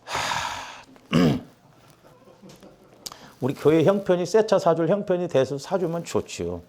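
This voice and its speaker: A man's voice: a little high, slow. Middle-aged pastor guy preaching, voice swinging all over, acts out what people said. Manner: animated, acts out quotes with rising intensity. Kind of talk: sermon with storytelling.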